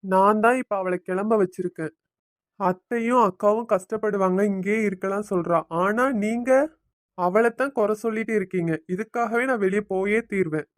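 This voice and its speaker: A woman's voice: medium pitch, moderate pace, no room sound, clean studio sound, close to an everyday voice. A woman voicing an angry grown son in a cartoon, indignant and sarcastic. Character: defiant grown son, angry and leaving home.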